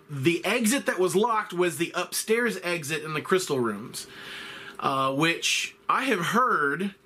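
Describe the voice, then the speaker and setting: A man's voice: high-pitched, sharp tone. A man casually narrating a solo podcast, rambling a little and correcting himself often. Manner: rambling, self-correcting, with frequent fillers. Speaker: podcast host.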